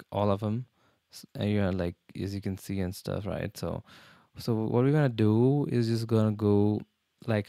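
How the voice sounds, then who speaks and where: Slow-talking man with foreign-accented French. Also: fairly low pitch, dark tone, smooth, dry recording, studio quality. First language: not French, a learner. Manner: halting, searching for words, switching between English and French. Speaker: language learner, video host. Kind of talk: casual vlog, practising French aloud.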